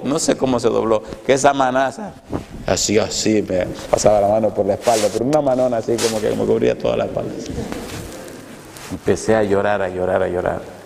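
A male preacher telling a sermon story in an animated, vivid way. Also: medium pitch. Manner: animated and vivid, acting out scenes. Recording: echoey hall, faint noise.

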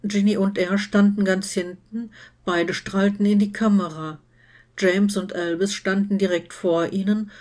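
A woman reading fan fiction aloud in steady, scripted storytelling narration. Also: medium pitch. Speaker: reader.

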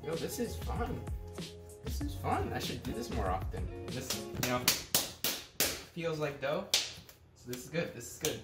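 A young man talks in a goofy, rambling way, his pitch bouncing up and down. He is recorded from across an echoey home kitchen by a camera a few steps away. Loud music plays behind him. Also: sing-song, unhurried, long pauses. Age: young adult. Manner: goofy, rambling, self-deprecating. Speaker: vlogger. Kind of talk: casual cooking vlog. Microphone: camera held by someone a few steps away.

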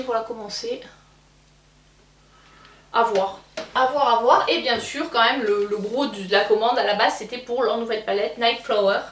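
A woman's voice: fairly high pitch, fairly bright tone, echoey room, recorded from a distance, slight background noise. A woman casually chatting through a makeup haul, hesitant and full of fillers. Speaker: beauty vlogger.

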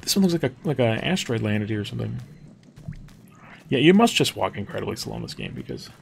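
A young man commentating a game casually, thinking aloud and dropping to hushed tones when nervous. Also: mid-range voice, sing-song, fast, gravelly, a little hiss or hum. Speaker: gameplay commentator. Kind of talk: casual let's-play commentary.

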